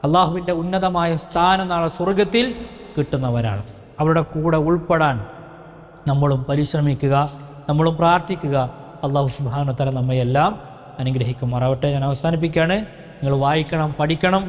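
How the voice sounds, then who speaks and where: A man preaching with a fairly high voice, telling stories and asking his listeners questions. His voice carries a long reverb, as if he is in a large hall. He talks to the audience directly. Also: moderate pace, pauses often. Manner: storytelling with rhetorical questions to listeners. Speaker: Islamic preacher. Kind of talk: religious talk.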